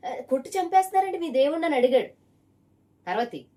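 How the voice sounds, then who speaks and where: A woman's voice: sits high, animated, fairly quick, mellow, distant mic. Emphatic woman preaching. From Visakhapatnam area, Andhra Pradesh. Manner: emphatic, pointed rhetorical questions to one listener. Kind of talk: preaching testimony.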